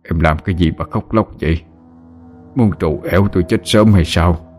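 A sick, pain-racked man speaks faintly and with strain, his low voice thin with weakness, as a male narrator acts him out. He complains rather than pleads. Soft music runs beneath this storybook reading. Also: lively intonation, measured pace. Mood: irritable. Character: sick middle-aged man, weak and in pain.

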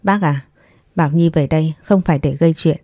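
A woman voicing a calm, protective young man who speaks in an even, composed way. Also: sits low, brisk, no room sound, studio quality.

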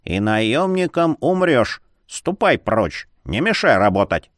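A man's voice: mid-range voice, very animated, fairly bright tone, no room sound, clean studio sound. Man doing a stern old librarian woman. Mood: scornful. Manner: scolding, haughty, slow and emphatic. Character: stern, sharp-tongued old female librarian, grey-haired.

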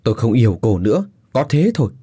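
A man's voice: medium pitch, big pitch swings, fast talker, warm tone, breathy edge, no echo, clean studio sound. A man playing a cruel, cold husband who speaks in harsh, commanding threats.

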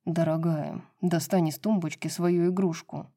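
A woman voicing a low, seductive winged man. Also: steady tone, unhurried, dark tone. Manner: low murmuring, husky seductive tone. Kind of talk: audiobook reading.

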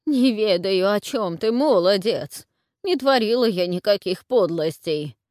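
A woman voicing a frightened, wheedling old witch with a shrill, wailing manner and folksy speech. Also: animated, a little slow, a little mellow, no echo, clean studio sound, lightly acted. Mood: fearful wheedling.

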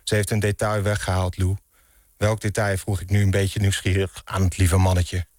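A man's voice: sits low, level tone, normal speed, a little mellow, dry recording, clean studio sound. A man performing a theatrical parody of a radio host's monologue, full of sugary nicknames and mock tenderness. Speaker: podcast maker guest.

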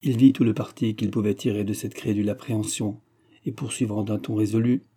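A man narrating a classic novel in a measured, even storytelling manner. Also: on the low side, slightly rough. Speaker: audiobook narrator. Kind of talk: scripted literary narration.

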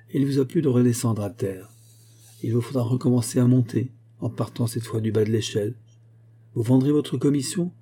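A man's voice: mid-range voice, dark tone, husky, lightly acted. A man voicing a stern old banker. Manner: severe, commanding. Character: stern elderly male banker, severe and unforgiving.

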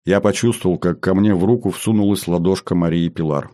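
A man reading a first-person adventure audiobook in an even, descriptive manner. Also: sits low, brisk. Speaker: audiobook narrator.

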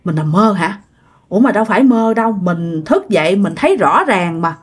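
A woman's voice: mid-range voice, very animated, normal speed, slightly rough. Woman voicing a fretful young village wife. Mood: frightened. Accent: Southern Vietnamese. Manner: pleading, fretful questions. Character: startled young village wife, sleepy, then frightened.

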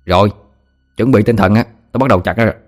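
A man's voice: on the low side, faint music behind, lightly acted. A man with a Southern Vietnamese accent voicing an older village boy who teases and shows off. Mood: teasing. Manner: teasing, brash, quick-talking. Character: older village boy, teasing, brash, showing off.

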